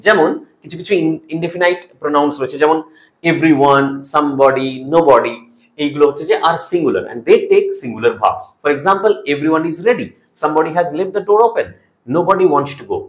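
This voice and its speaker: Lively-voiced Bengali grammar teacher. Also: male voice, a little high. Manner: explains rules slowly, reads examples out deliberately; mixes English terms into Bengali, asks "ok?" often. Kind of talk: exam-prep grammar lesson.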